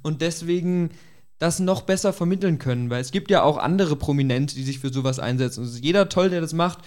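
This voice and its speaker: Male podcast host, higher register, informal conversational delivery, cautious and hedging. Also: fast, darkish tone.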